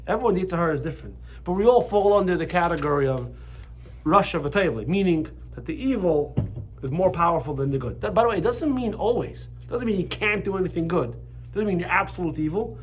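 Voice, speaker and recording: A man's voice: high-pitched, animated, fast, a little hiss or hum. A man teaching a religious class as rabbi, chatty and full of restarts and asides. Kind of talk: Torah lesson with casual storytelling. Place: classroom with students.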